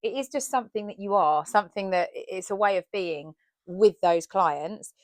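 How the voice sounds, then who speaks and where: A woman who acts and works as a counsellor, co-hosting a casual chat in a thoughtful, measured way. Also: medium pitch, slight background noise. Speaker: podcast co-host, actor and counsellor.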